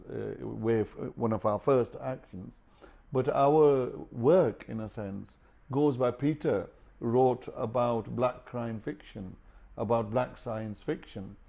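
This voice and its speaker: A Pakistan-born author and publisher speaks earnestly and outspokenly in a reflective interview. His mid-range voice is creaky and dark in tone.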